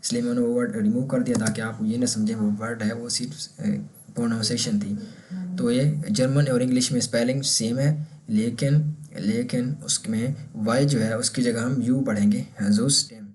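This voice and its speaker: A man's voice: mid-range voice, fairly even intonation, a little mellow, a little hiss or hum. Man teaching German pronunciation, Urdu-accented. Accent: Pakistani Urdu. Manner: patient, repeats words slowly to model pronunciation. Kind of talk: casual explanatory lesson.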